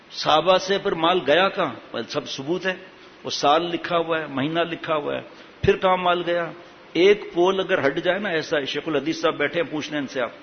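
A man's voice: a little high, a little hiss or hum. A man preaching a sermon with passion, asking the listeners many rhetorical questions. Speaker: religious preacher. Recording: echoey hall, dull lo-fi sound.

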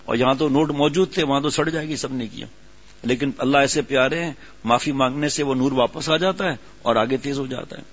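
Guy giving a sermon, husky voice, dull muffled recording. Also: mid-range voice. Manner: storytelling, rising to emphatic exhortation. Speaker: religious preacher. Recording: dull lo-fi sound.

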